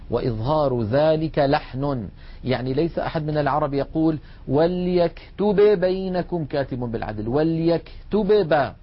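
A man teaching a lesson on recitation rules, explaining patiently and drawing out slow recited examples. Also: medium pitch. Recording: dull lo-fi recording.

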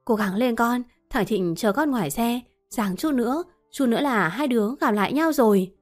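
A commanding middle-aged uncle, read by a woman narrator, protective and urgent. He pushes his words with force, over quiet music. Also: on the high side, animated, moderate pace.

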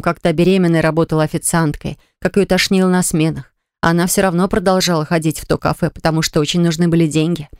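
A woman narrating a novel aloud in an even, measured audiobook reading. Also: on the low side, no room sound, studio quality. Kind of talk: scripted narration.

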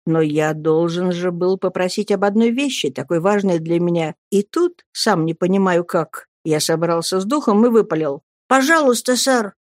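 A measured audiobook narrator reading a classic novel in an even storytelling voice of middle pitch. The recording is dry and close, with no room sound around the voice. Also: no room sound.

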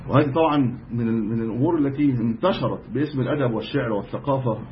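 A man with an Egyptian accent delivers a religious lesson at a brisk clip, emphatic and explanatory, restarting phrases as he goes. The recording is dull and lo-fi, with a faint hiss underneath. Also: medium pitch. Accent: Egyptian Arabic. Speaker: sheikh teaching a lesson.

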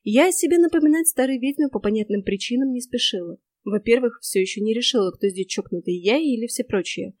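A woman's voice: on the high side, a little fast, few pauses, no echo. Woman narrating an audiobook, dry sound. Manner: lively storytelling, first person.

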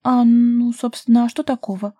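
A woman's voice: fairly high pitch, level tone, moderate pace, warm tone, voice pushed up, close to an everyday voice. A woman voicing a stubborn young woman who protests indignantly.

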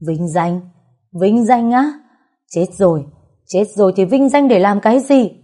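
A woman's voice: medium pitch, normal speed, warm tone, lightly acted. A woman voicing a grief-stricken pregnant young woman who pleads through sobs. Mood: bitter. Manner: sobbing, pleading.

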